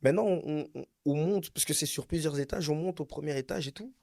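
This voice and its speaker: Chatting casually, a young Belgian man from Brussels tells a wild tale a little fast, his slightly high voice gravelly. He leans on slang and animated delivery, repeating things to press his points, and the close, dry recording has no room sound.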